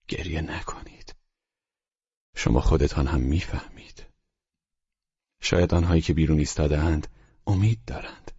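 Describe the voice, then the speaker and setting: A gentle, earnest aging doctor murmurs his confession in a hushed, near-whispered voice, as a male narrator puts him on. The voice sits very deep and husky, with a dry, dull lo-fi sound like an old audiobook. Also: dry recording. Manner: speaks softly, often in a hushed whisper.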